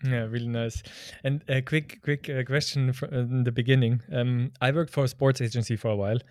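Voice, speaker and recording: A man's voice: mid-range voice, fairly even intonation, brisk, darkish tone, no room sound. Chatty male podcast host, dry sound. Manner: chatty, stumbling over words. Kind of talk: casual interview chat.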